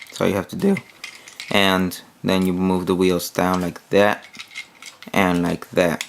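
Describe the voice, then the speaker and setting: A man with a very low voice talks through a toy review in a loose, rambling way. He fills his speech with "like" and "yeah" while he handles and shows off the pieces. Faint household clatter sits behind him. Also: flat delivery, a little slow, gravelly, a little hiss or hum. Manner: rambling, many fillers like "like" and "yeah"; hands-on, demonstrating while talking.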